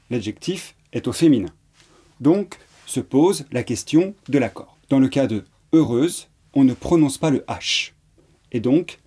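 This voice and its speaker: A man from France gives a French lesson at an unhurried, deliberate pace. His voice is mellow and slightly husky, and he patiently repeats each example and spells words out letter by letter. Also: mid-range voice. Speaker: French teacher. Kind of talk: slow explanatory lesson.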